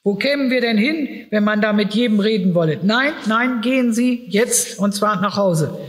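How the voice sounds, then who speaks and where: A man reading aloud as a flustered lawyer who shouts into the phone. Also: high-pitched, normal speed, pitched above the performer's own voice, close to an everyday voice. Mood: excited. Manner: shouting, excited. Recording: reverberant hall.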